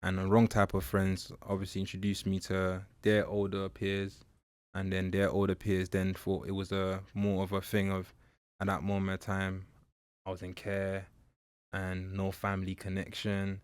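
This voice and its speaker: A young Nigerian-born mentor and public speaker tells his story in a candid interview, halting and reflective with many fillers. His low voice is smooth and monotone, and the recording has no echo.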